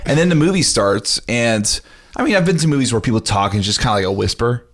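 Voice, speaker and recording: A man's voice: medium pitch, lively intonation, quick pace, fairly bright tone. A young man on a podcast telling blunt, profane stories in casual chat. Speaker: podcast co-host.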